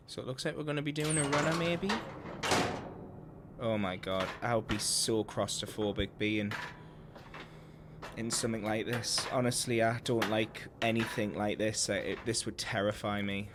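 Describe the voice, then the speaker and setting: A man's voice: on the low side, moderate pace, background noise. A young man from the UK giving casual let's-play commentary, chatting and reacting aloud to the game. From United Kingdom. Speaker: gaming YouTuber.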